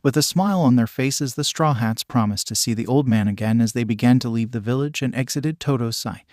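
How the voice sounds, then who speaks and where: A man narrating a fan fiction story in a steady, even reading, with a middle pitch. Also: fairly quick, no echo, studio quality. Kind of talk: scripted narration.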